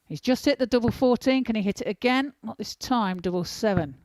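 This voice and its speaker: A woman's voice: a little high, brisk, darkish tone, no room sound. Woman commentating darts in a dry-sounding booth. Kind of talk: live sports commentary, conversational.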